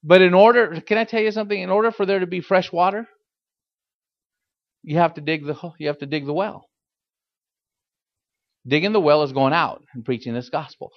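High-pitched man preaching a fiery sermon. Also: brisk, pauses often, highs cut off. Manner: emphatic, exhorting, repeats phrases and puts pointed questions to listeners. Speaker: pastor.

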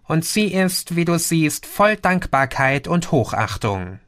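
A man voicing a cheerful, talkative male green insect alien with a lively, playful way of talking. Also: on the high side, slow pace, pitched above the performer's own voice, exaggerated voice. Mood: teasing.

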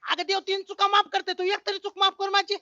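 A man's voice: very high-pitched, monotone, a little fast, sharp tone, highs cut off. A man acting in a rural comic skit, pleading and flustered in village speech. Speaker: village comedy sketch actor.

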